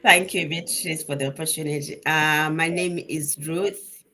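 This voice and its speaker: Woman from Botswana, guest on a live online show, halting and self-correcting. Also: low voice, fairly even intonation, pushed and bright.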